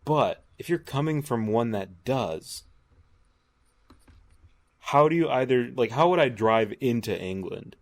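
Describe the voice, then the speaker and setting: A man co-hosting a casual podcast, talking in a confused, excitable way with casual swearing. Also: mid-range voice, unhurried, long pauses. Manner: confused, excitable, swearing, calls people dude. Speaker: podcast co-host. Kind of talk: casual chat.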